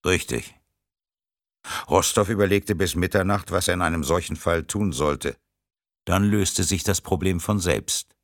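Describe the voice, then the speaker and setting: Guy reading a thriller audiobook, deep and gravelly, totally dry sound. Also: dry recording. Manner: steady, measured narration. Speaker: narrator.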